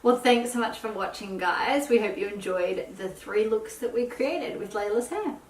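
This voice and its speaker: A woman demonstrating hairstyles in a tutorial, talking softly and trailing off quietly as she works. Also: mid-range voice, animated. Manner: slow, soft-spoken, trailing off quietly. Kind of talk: hair tutorial narration. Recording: roomy, from a distance, faint hiss.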